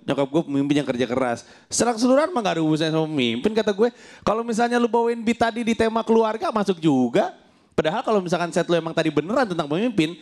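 A man's voice: a little high, darkish tone. A man giving a judge's critique of a stand-up set, casual and analytical. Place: television studio.

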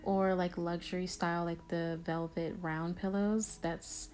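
A woman's voice: lowish voice, a little slow. A young woman casually narrating her shopping trip and event-decor vlog as a picnic planner, chatty and upbeat. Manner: chatty and upbeat, relaxed commentary with fillers.

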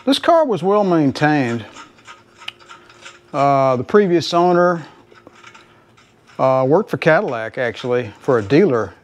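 A man's voice: fairly high pitch, very animated, slow, long pauses. A middle-aged man with a Southern US accent who hosts a garage channel. He narrates casually as he works on a car, rambling and talking to the viewers as folks. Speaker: home mechanic host. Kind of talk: casual how-to narration while working. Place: home garage, working under a car.

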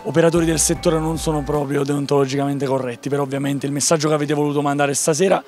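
A man's voice: a little high, flat delivery, quick pace, a little mellow. A man working as an interviewer at an event, putting polite, wordy questions. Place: outdoor street at night. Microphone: handheld interview microphone. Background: music.

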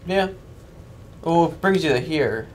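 A man's voice: a little high, expressive, a little slow, slight background noise. A man co-hosting a let's-play with casual, offhand banter and comments on the gameplay. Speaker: gaming video co-host.

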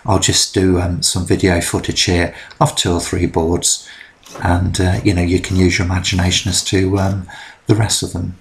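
A middle-aged man talks through his DIY work in a relaxed, explanatory voice-over. His voice sits very low, and he fills the gaps with frequent ums. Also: normal speed, vocal fry. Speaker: DIY vlogger. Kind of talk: instructional voice-over narration.

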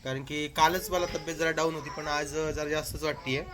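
A man's voice: on the high side, fairly even intonation, fairly quick. A young man from Maharashtra, a family vlogger with a cold-clogged voice, chatting to viewers and cooing to a toddler. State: congested from a cold. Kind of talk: casual family vlog.

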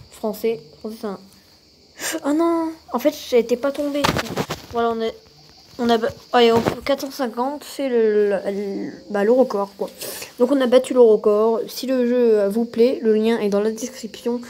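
A woman casually talking through a mobile game she is playing, often breaking into excited exclamations. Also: on the high side, moderate pace. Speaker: mobile game channel host. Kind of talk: casual gameplay commentary.

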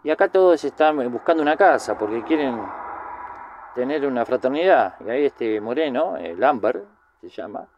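A man's voice: mid-range voice, lively intonation, moderate pace, lo-fi sound, a little hiss or hum. A man with a Rioplatense Spanish accent giving a casual, chatty film recap, rambling with lots of filler words. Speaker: film commentator.

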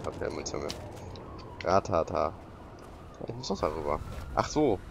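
Animated sarcastic man commentating a game. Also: sits low, normal speed, gravelly, a little hiss or hum. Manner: sarcastic, exclaiming, talks to viewers. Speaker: let's play commentator. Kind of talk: gaming commentary.

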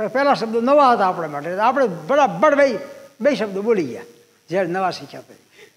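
An elderly man in his eighties tells stories from his own life to a listening audience. His voice sits high for a man, and the talk is unhurried, with pauses and repeated phrases. A long reverb trails after him in a large hall. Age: 80s. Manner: unhurried anecdotal storytelling, pausing and repeating phrases. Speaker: guest speaker at a public talk.

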